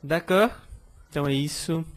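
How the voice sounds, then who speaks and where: A man's voice: on the high side, normal speed. A man teaching French pronunciation in a casual video lesson, explaining patiently and checking in with the viewer, with a Brazilian Portuguese accent. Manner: friendly, explanatory, frequent tag questions.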